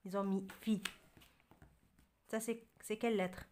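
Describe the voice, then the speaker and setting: A woman with an Algerian accent tutoring a child at home, patiently repeating and spelling out words slowly. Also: medium pitch, fairly even intonation, mellow, a little hiss or hum. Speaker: tutor reviewing a French textbook with a child. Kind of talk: home tutoring, French and Arabic mixed.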